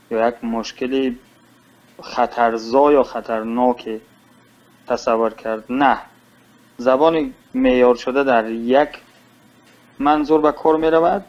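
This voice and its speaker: A man answers a radio interview question as a linguist. He speaks in a brisk, assured way at a middling pitch. The sound is muffled, as on a radio broadcast. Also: steady tone, darkish tone.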